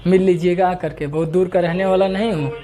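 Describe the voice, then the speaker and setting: A man teaching an exam-prep grammar lesson, lively and repeating questions to his students. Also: high-pitched, brisk. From India.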